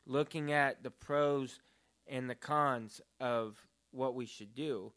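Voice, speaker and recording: A man's voice: medium pitch, steady tone, slow pace, fairly bright tone. A man talking about prayer in a casual, earnest and rambling way, with many fillers. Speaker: podcast co-host. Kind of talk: casual faith talk.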